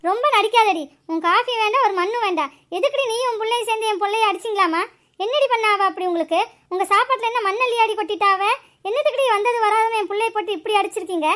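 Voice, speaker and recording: A woman voicing an older grandmother, a bossy, quick-tempered mother-in-law who nags and scolds. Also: extremely high pitch, a bit bright. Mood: scolding. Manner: scolding, nagging.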